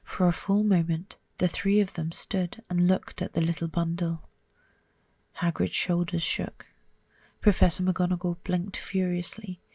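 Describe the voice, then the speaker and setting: A woman reading a storybook aloud in a slow, hushed ASMR whisper. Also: fairly low pitch, slightly rough, no echo. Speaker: storybook reader.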